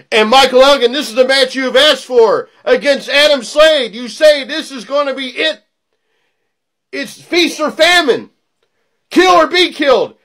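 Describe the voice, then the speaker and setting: A middle-aged man delivering a wrestling promo, a theatrical, taunting monologue that moves between low menace and loud intensity. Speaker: pro wrestling personality cutting a promo. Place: small plain indoor room.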